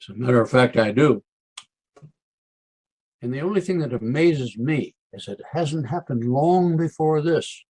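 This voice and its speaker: Man playing a husky, crusty frontier doctor. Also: mid-range voice, animated, unhurried, darkish tone. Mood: scolding. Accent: American. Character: crusty, outspoken, needling frontier town doctor. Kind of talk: western radio drama acting.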